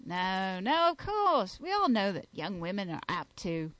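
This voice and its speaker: A measured, probing police inspector who asks his questions plainly, as a woman reads him in an audiobook. The sound is dry and close. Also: medium pitch, big pitch swings, a bit bright, no room sound.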